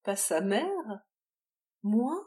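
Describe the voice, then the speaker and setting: A woman's voice: medium pitch, sing-song, extremely slow. A woman reading the part of a shocked, frantic noblewoman, exclaiming in an agitated way. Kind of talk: audiobook character reading.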